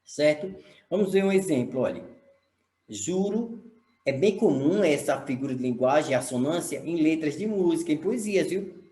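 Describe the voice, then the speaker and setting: A Brazilian man teaches a lesson on camera, spelling words out letter by letter and checking in with the class. His voice sits on the higher side for a man. The room around him adds a noticeable echo. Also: animated, a little fast, warm tone. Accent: Brazilian Portuguese. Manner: explanatory, spells words out, checks understanding with "correto?". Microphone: camera mic. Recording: echoey room.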